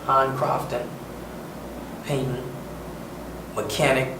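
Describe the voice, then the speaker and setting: A man from the Bahamas, a musician guest in a casual interview, has a slow, gravelly, sharp-toned mid-range voice with little pitch movement. He speaks earnestly and emphatically with slang and a Bahamian accent, captured on a distant mic in an echoey room with faint noise.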